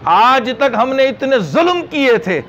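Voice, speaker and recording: A man's voice: very high-pitched, big pitch swings, takes it slowly, a bit bright, a little hiss or hum. A man with a Pakistani Urdu accent preaching a religious sermon, emphatic, repeating phrases and asking rhetorical questions. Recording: dull lo-fi recording.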